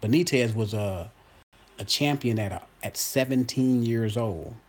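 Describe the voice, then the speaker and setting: A husky man in his early forties holds forth in a loose, unscripted monologue. He talks emphatically, circles back to repeat his points and speaks straight to the people watching. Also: medium pitch, unhurried. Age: 40s. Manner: emphatic, repeats himself, addresses viewers as y'all. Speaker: boxing commentator host. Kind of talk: casual opinion monologue.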